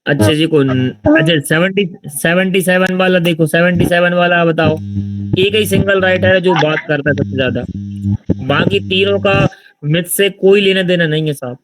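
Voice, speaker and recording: A man with a high-pitched voice gives an informal literature lecture for exam prep at normal speed. He explains answers and checks in with listeners, recorded on a distant mic with loud background noise but no echo.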